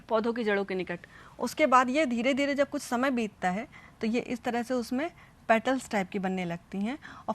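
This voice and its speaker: A woman teaching a school science lesson, speaking straight to children and repeating each step as she demonstrates. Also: on the high side.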